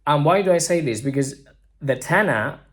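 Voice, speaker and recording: A man, an Italian native speaker, teaching singing in a casual spoken lesson. He talks haltingly with many restarts and drawn-out words, now and then singing a note, into a simple microphone. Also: fairly high pitch, lively intonation. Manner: halting, many restarts, drawls words, breaks into sung notes.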